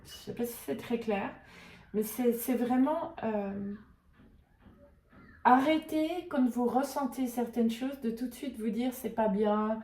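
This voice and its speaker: A woman with a higher, mellow voice talks through an intuitive oracle card reading, often pausing to search for the right words. Her voice sits a little back from the mic in a roomy space with noticeable echo. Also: distant mic. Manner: hesitant, searching for words with many fillers. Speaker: tarot and oracle card reader.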